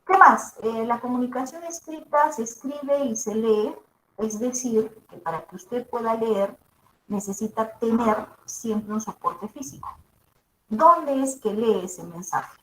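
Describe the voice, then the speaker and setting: A woman's voice: a little high, a little slow, a bit bright, slight background noise. A woman teacher with a mezzo-soprano voice gives a classroom lecture, checking in with her students after each point. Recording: echoey room.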